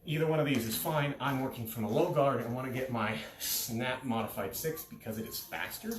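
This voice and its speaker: A man's voice: mid-range voice, brisk, slight background noise. A man in his thirties explaining fencing technique in a casual, informal instructional style. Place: carpeted living room. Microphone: camera several steps away. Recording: echoey room, distant from microphone.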